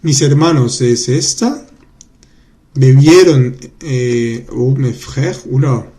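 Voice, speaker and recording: Running a live online grammar lesson, this French teacher is talkative and patient, voicing student comments and slowly repeating words. He has a medium-pitched, mellow voice.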